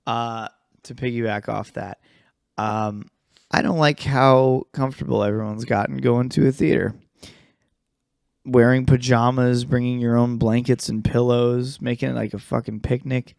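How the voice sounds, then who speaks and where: Gravelly, profane man chatting casually. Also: medium pitch, steady tone, normal speed, darkish tone, no echo, clean studio sound. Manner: rambling, profane, loses his train of thought. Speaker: podcast co-host. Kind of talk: casual chat.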